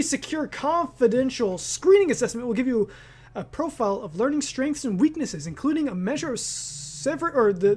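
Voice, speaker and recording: A man's voice: very high-pitched, darkish tone. A young man chatting casually as he reads a quiz aloud, rambling and often correcting himself, and laughing at his own words. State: hiccuping. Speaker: gaming video creator.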